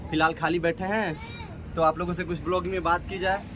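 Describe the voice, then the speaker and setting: A man's voice: high voice, little pitch movement, quick pace. A man with a Bhojpuri accent chatting casually and teasingly to camera as a vlogger, often repeating himself. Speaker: vlogger and shopkeeper. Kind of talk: casual vlog chat to camera. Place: at a shop in a market. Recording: noisy outdoor street ambience.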